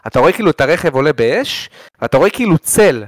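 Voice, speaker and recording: A man co-hosting a casual gaming podcast, telling stories in an expressive, dramatic way. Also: on the high side, no echo. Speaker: podcast co-host.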